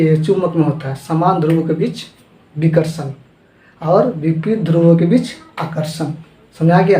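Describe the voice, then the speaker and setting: A man's voice: high voice, mellow, roomy sound, rough recording. A man teaching a physics lesson with homely examples, often checking whether students understand.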